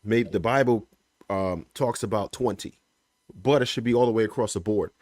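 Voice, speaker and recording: A man giving his opinion on a livestream panel, measured, checking in with "right?" as he goes. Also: fairly low pitch, a little mellow, no room sound, studio quality. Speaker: panel guest.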